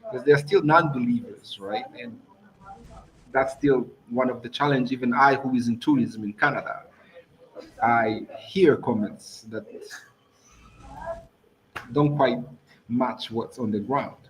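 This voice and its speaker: A man's voice: mid-range voice, a little slow, pauses often, slight background noise, rough recording. A man hosting an interview, asking long, winding questions in a casual conversational way. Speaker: interview host.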